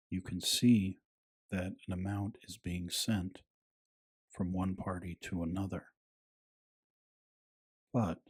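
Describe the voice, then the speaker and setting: A man narrating a scripted bedtime piece in a hushed, soothing, soft-spoken ASMR style with a breathy voice. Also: low voice.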